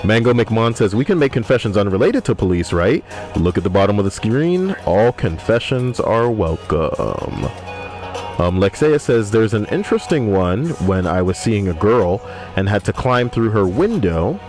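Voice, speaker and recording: With a voice on the low side and big pitch swings, a young man speaks at a normal pace in casual gaming livestream chat. He reads viewer messages out loud and jokes crudely and profanely while music plays behind him.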